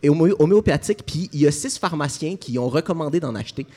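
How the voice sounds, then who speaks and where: Comedian guy, talks fast, highish voice, playful teasing. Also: lively intonation, dark tone. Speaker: comedian columnist. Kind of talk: comic column in a chat.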